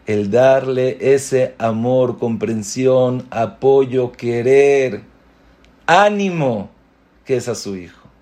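A man teaches a religious lesson at an unhurried, deliberate pace, and his voice sits at an ordinary middle pitch. He talks earnestly and poses rhetorical questions. On the main points his voice climbs high and emphatic. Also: a little mellow. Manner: asks rhetorical questions and repeats words for emphasis. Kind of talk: spoken Torah lesson.

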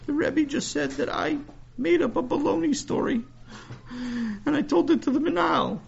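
A man voicing an anxious, fretful young schoolboy in a high, pleading, whiny voice. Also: moderate pace, gravelly, full character voice. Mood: indignant. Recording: dull lo-fi recording.

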